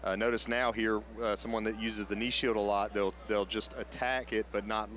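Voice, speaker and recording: Low-voiced male grappling commentator. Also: level tone, moderate pace, fairly bright tone. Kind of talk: live sports commentary, explanatory.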